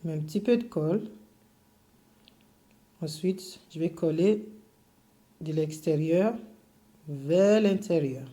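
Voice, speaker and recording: A woman with an English accent gives a patient, step-by-step cake decorating lesson. Her voice sits low and mellow, and she often hesitates on filler sounds while explaining each detail. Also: takes it slowly, long pauses. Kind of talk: step-by-step tutorial.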